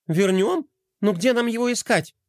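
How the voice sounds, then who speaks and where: A man voicing a confident, bold young girl who speaks in a brisk, sceptical way. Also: high-pitched, no room sound, clean studio sound, pitched above the performer's own voice, lightly acted. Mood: excited.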